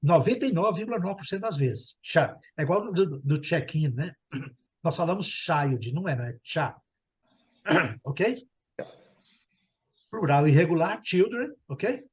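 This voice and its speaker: A man with a somewhat high, husky voice teaches English vocabulary, drilling each word slowly and patiently. The audio is dull and lo-fi. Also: animated, darkish tone. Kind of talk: online English class.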